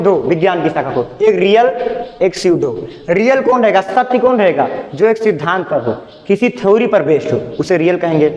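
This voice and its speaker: A man's voice: high voice, darkish tone. A male chemistry teacher giving a classroom lecture. He repeats key terms and asks questions that he answers himself. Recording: echoey classroom, muffled sound.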